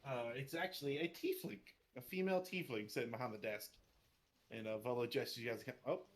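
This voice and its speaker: A man's voice: mid-range voice, fast talker. A man narrating as game master of a tabletop game, loose and chatty, swearing casually.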